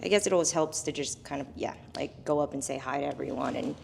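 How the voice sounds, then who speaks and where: A woman guest, a professional singer, talking casually in an upbeat, animated way. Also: rumbling low, fast, vocal fry, a little hiss or hum. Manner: upbeat, animated, laughs often. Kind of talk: casual interview chat.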